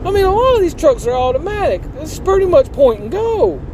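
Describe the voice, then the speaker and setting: High-pitched, folksy man over vehicle noise. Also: very animated, brisk. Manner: earnest, folksy, colloquial. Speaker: channel host. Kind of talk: casual personal vlog monologue with preaching. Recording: clear vehicle and outdoor noise.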